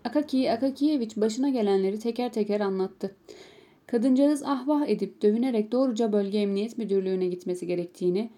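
A woman narrating an audiobook story in a calm, measured reading. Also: medium pitch.

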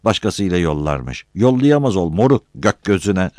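A man's voice: deep voice, very animated, moderate pace, darkish tone, no echo. A man voicing a poor, defiant young villager who answers back bluntly. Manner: blunt, insolent retorts.

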